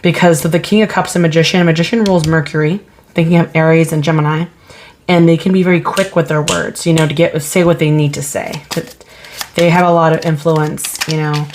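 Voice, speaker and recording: A woman's voice: low-pitched, fairly even intonation, a little fast, a little mellow, slight background noise. A woman giving a casual pick-a-card tarot reading, chatty and thinking aloud as she asks spirit questions. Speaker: tarot reader.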